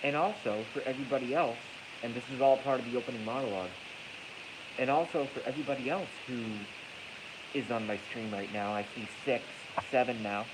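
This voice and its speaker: Speaking fairly quickly in a mid-range voice, a congested livestream host gives a casual, rambling monologue that's blunt, profane, and repetitive for emphasis. He records on an iPhone in an echoey garage at night, moving it closer during the stream, and the result is hissy and noisy.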